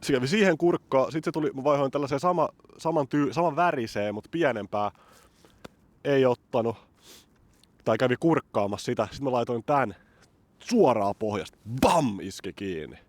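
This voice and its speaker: Excitable man from vlogging outdoors. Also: mid-range voice, dry recording. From Helsinki, Finland. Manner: excitable, chatty, explaining technique. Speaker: fishing vlogger. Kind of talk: casual outdoor vlog narration. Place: outdoors on a frozen city lake.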